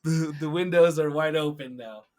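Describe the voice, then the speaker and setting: A man's voice: fairly high pitch, normal speed, a little mellow. A man running a tabletop game as game master, describing scenes in a loose, stop-start way with fillers.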